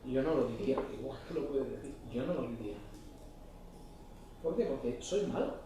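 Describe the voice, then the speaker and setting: A man's voice: medium pitch, animated, normal speed, noisy background. A man preaching a sermon in church, often asking the congregation short questions. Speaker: pastor. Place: church hall. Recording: echoey church hall, mic at a distance.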